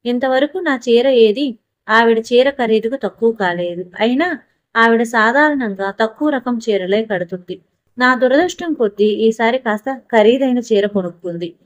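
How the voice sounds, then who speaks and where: A woman reading a first-person story aloud in a steady, even narrating voice. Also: on the high side, moderate pace, no room sound, lo-fi sound. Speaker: audiobook narrator.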